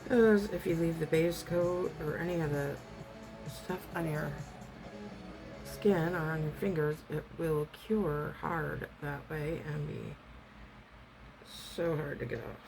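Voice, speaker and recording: A woman with a rough, raspy smoker's voice gives a casual, rambling, self-deprecating hands-on tutorial as an amateur host. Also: low-pitched, steady tone, slow, darkish tone, soft background music, rough recording. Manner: rambling, self-deprecating, loses train of thought.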